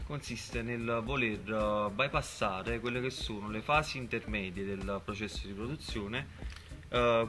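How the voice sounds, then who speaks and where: Low-voiced young man over music. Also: fairly bright tone. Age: young adult. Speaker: project spokesperson. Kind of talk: explanatory presentation to camera. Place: outdoors beside an unfinished building.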